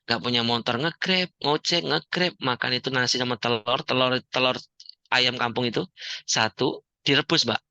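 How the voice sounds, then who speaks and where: Joking man with a bright voice. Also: medium pitch, normal speed, dry recording. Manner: joking, animated, teasing the audience. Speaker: founder and coach of a debt-free community. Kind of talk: motivational talk to an audience.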